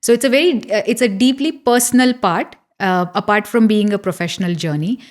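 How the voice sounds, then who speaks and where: A middle-aged woman, a physiotherapist answering interview questions in a measured, explanatory way. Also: medium pitch. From India. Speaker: guest physiotherapist.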